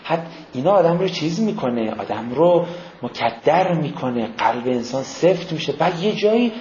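High-voiced man preaching in a roomy hall. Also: slight background noise. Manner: conversational storytelling, animated asides. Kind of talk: informal sermon with anecdotes. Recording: roomy, dull lo-fi audio with faint ambience.

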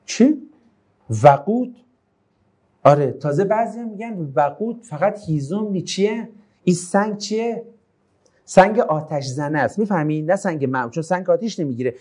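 Male preacher teaching a class, high mellow voice, recites verses, then bursts into exclamations. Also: slightly rough. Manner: animated, swings between soft asides and raised exclamations; recites Arabic verses then explains them. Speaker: religious teacher. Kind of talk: Quranic lesson sermon to a class.

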